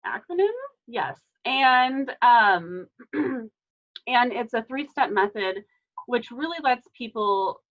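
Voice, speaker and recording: Woman trainer, casual staff presentation, muffled video call sound, mid-pitched, loose and chatty. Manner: casual, many fillers and restarts.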